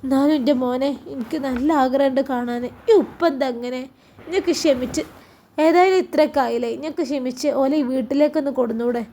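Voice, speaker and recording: A woman voicing a sorrowful elderly mother who pleads softly, in a Malappuram Malayalam accent. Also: high voice, slight background noise, natural voice.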